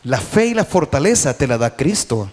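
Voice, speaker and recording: A man preaching a sermon as pastor in a church, with a Salvadoran Spanish accent, calling out to the congregation and rising to loud exhortation. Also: medium pitch, very animated, normal speed. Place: church hall.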